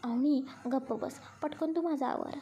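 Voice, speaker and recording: A woman's voice: high voice, unhurried, vocal fry, warm tone. A woman voicing a bubbly young woman who pleads, hurries and gets shy in a storybook reading.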